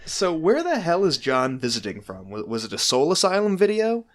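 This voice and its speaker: A man's voice: fairly high pitch, wildly swooping pitch, normal speed. Man, host, casual chat, joking, swearing, rambling, many fillers. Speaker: podcast host. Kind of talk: casual chat about a film.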